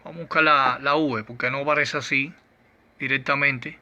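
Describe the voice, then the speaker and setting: A man giving a doctrinal Bible lesson, arguing point by point through numbered rhetorical questions in a slow, emphatic delivery. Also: mid-range voice, steady tone, pushed and bright, highs cut off. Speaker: Bible teacher.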